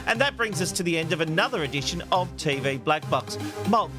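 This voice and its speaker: A man's voice: on the high side, lively intonation, brisk, music in the background. A man hosting a media panel show, moving between chat and presenting to the listeners. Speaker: podcast host.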